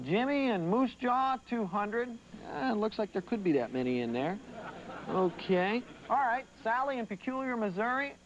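Young guy, goofy comedy tv host, really high voice, muffled old tape w some hiss. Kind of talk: scripted comic TV hosting. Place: TV studio set.

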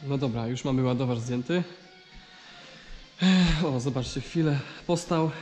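A man's voice: medium pitch, measured pace, darkish tone, faint music behind. A man with a nasal, congested voice from a blocked nose, explaining farm machinery in a casual, hesitant vlog style. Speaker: vlogger.

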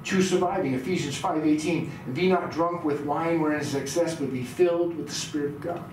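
A man's voice: on the high side, brisk. Middle-aged male pastor preaching, quizzes listeners, roomy echo, distant mic. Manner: reads scripture aloud and quizzes the audience. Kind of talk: sermon. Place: small church room indoors. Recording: very echoey room, heard from afar, noisy.

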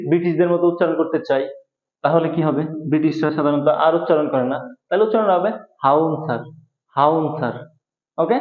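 A man with a fairly high voice teaching a grammar lesson, explaining step by step and repeating each rule. His voice comes through a thin, phone-like band in an echoey room. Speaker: English teacher.

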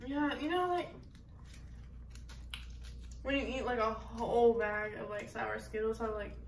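A woman's voice: on the high side, steady tone, measured pace. Young woman eating sour candy, echoey room. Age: young adult. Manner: informal, colloquial. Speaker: challenge video co-host. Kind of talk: casual chat in a food challenge. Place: small echoey room indoors. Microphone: camera a few feet away. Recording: roomy, distant mic, noisy background.

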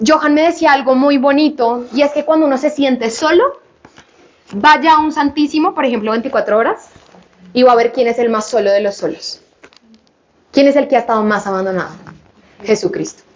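Woman preacher, high voice, fervent and direct with the congregation, muffled lo-fi capture. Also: a little fast. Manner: fervent, addresses listeners directly with questions. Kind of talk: sermon at a healing retreat.

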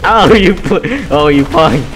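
A young man chatting casually while playing a game, excitable, often yelping and laughing. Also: on the high side, unhurried. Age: young adult. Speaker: gamer. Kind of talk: casual gaming chat. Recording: music playing underneath.

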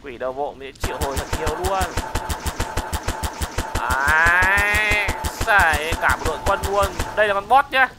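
An excitable gaming channel host, giving let's-play commentary, often shouting wow and repeating words in quick bursts. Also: medium pitch, loud music behind the voice. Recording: clear background noise.

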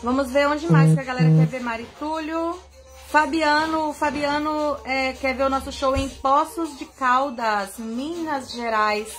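Unhurried and high-voiced, a young singer from Bahia, Brazil, hosts a chatty live stream while seated on her bed in an indoor bedroom. She greets viewers by name with obvious affection, and soft music plays under her phone camera's audio, held at arm's length.

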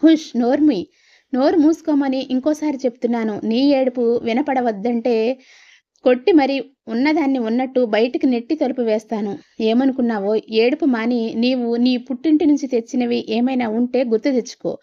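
A woman's voice: a little high, normal speed, muffled recording, natural voice. A woman voicing a stern, fed-up older husband who lays down the law firmly to his wife. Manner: firm, scolding.

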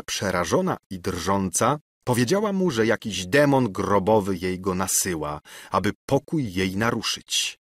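A man narrating a classic novel in an expressive, dramatic reading. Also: lowish voice, no echo, studio quality. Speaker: audiobook narrator.

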